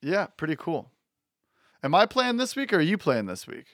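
A man co-hosting a podcast, chatting casually with quick joking asides. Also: a little high, huge pitch swings, fairly bright tone, no room sound, clean studio sound. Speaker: podcast co-host.

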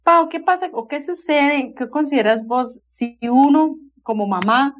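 Woman, Costa Rican accent, talk-show host, chatty and rambling, somewhat high voice, faint background noise. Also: unhurried. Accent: Costa Rican Spanish. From Costa Rica. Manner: chatty, questions with many restarts. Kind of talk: casual talk-show chat.

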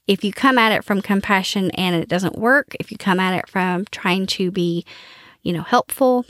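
A woman's voice: mid-range voice, no echo, studio quality. A woman host talking casually and frankly, giving household advice and cussing freely. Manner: frank and animated, cusses casually. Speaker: podcast host.

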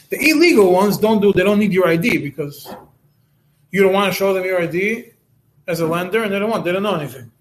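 High-voiced rabbi teaching a halacha class. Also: male voice, slight background noise, poor audio. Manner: explains step by step, with many restarts and Hebrew and Yiddish terms. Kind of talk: recorded Torah lesson.

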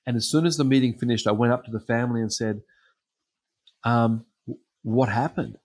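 A man preaching a sermon, telling personal stories in a halting way with frequent pauses and ums. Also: mid-range voice, a little mellow. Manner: hesitant storytelling with frequent ums.

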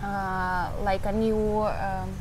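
A woman, from Kyrgyzstan, speaking halting as a cafe manager in a casual outdoor interview. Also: mid-range voice, little pitch movement, noisy background. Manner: halting non-native English, searching for words.

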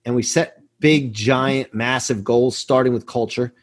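Speaking at a measured pace with fairly even intonation, a man in his forties shares motivational business stories as a confident podcast guest. His mid-range voice comes across emphatic and earnest in this interview.

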